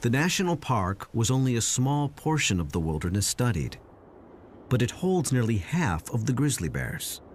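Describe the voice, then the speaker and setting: A man's voice: medium pitch, sing-song, normal speed, a little hiss or hum. A man reading scripted narration for a nature documentary.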